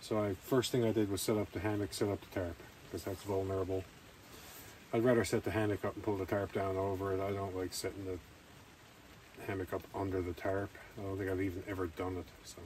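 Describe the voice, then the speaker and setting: A man's voice: sits low, flat delivery, a little fast, darkish tone, rough recording. A man rambling casually to camera as he narrates a camping vlog outdoors. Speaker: camping vlogger. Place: outdoors at a rainy campsite. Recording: faint outdoor ambient noise.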